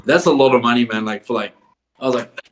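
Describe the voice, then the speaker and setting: A man's voice: medium pitch, quick pace. A man, a wrestler guest, telling stories casually. He swears freely, laughs often, and fills his speech with "like". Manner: swears a lot, laughs often, filler-heavy "like". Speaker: professional wrestler, podcast guest. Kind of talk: casual storytelling.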